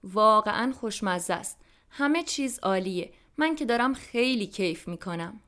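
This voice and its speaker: A woman's voice: medium pitch, animated, fairly bright tone, lightly acted. A woman voicing Tom, a polite, appreciative male dinner guest, in a scripted language-lesson dialogue. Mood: pleased. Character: friendly adult man, a dinner guest.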